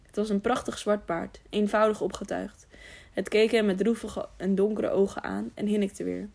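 A woman reading an audiobook aloud, with a gravelly, creaky texture in her voice. She stumbles over words now and then and goes back to correct them. Her pitch sits in the middle for a woman. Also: steady tone, moderate pace, a little mellow. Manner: frequent slips and self-corrections. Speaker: audiobook reader. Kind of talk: scripted narration.

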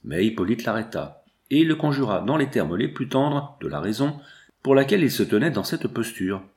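A man narrates a classic novel in a measured, formal reading. His pitch sits in an ordinary middle range, steady through the long passages. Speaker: audiobook reader.

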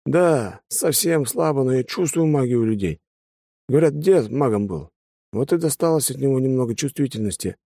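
A man's voice: mid-range voice, animated, moderate pace, creaky, dark tone, no echo, studio quality, voice pushed up. A man reading an audiobook, voicing a tired, pragmatic mercenary bandit who grumbles as he gives in. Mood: resigned.

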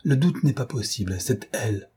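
A man playing a fierce, commanding gentleman thief in an audiobook, speaking urgently and imperiously. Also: medium pitch, animated, moderate pace, husky.

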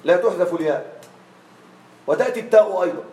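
A man teaching Arabic grammar to a class. He often checks that his students follow along and draws out the example forms slowly. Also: high voice, lively intonation, a little mellow, reverberant, poor audio. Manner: checks on students with frequent questions; drawn-out slow spelling of example forms.

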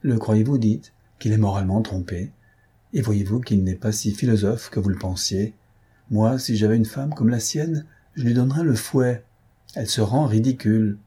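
A man voicing a wry, gossiping society gentleman with mocking, half-joking asides in a read-aloud novel. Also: fairly low pitch, moderate pace, breathy edge.

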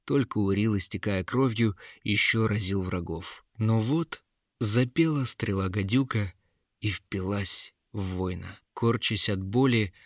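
A man narrating a fantasy tale in a steady, dramatic storytelling voice. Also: on the low side, measured pace, dry recording, clean studio sound.

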